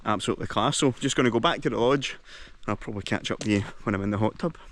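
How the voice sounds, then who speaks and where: A man's voice: on the low side, racing, fairly bright tone, a little hiss or hum. A man with a Scottish accent, chatting casually and enthusiastically as a travel vlogger while walking around a lodge and lochside. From Scotland. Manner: chatty and enthusiastic, heavy on local slang.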